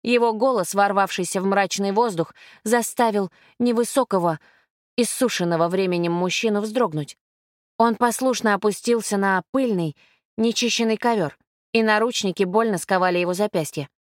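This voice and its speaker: A woman narrating a crime novel chapter in an even, steady storytelling voice, recorded dry. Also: medium pitch, normal speed, no echo. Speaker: audiobook narrator.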